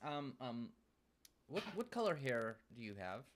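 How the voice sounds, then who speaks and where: A man's voice: medium pitch, sing-song, unhurried. A man hosting a casual livestream, blunt and crude, often repeating his words as he restarts sentences. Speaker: livestream host.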